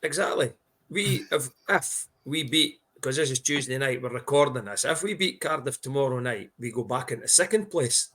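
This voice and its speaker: Male podcast co-host, broad Scots, sharp bright tone, colloquial and sweary, casual sports talk. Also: mid-range voice, animated, moderate pace. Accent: broad Scottish.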